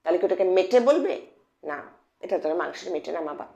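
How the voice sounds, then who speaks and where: A woman with a Bengali accent teaches phonics to children. She speaks with a slightly gravelly edge in an echoey room, patiently repeating each point and asking her pupils questions. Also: on the low side, sing-song, fast talker, mellow, lo-fi sound. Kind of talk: explanatory lesson for children.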